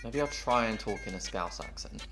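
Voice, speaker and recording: Quick, dry-joking male co-host. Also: lowish voice, lively intonation, a bit bright, soft background music. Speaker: co-host of a fan channel. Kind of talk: casual banter.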